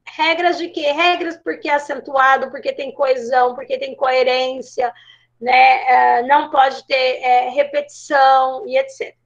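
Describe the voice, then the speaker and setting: A woman's voice: sits high, little pitch movement, unhurried. A middle-aged Brazilian woman teaching an online class, explaining patiently and checking in with her students. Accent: Brazilian Portuguese. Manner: explanatory, checks in with frequent tags. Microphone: video call. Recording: dull lo-fi call audio.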